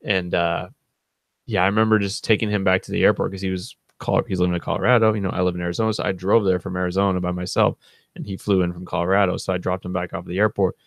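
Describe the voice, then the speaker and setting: Low gravelly man telling a rambling story. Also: flat delivery, fast talker, dry recording, clean studio sound. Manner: rambling, loose, with many fillers and self-corrections. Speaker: channel host. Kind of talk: casual storytelling to camera.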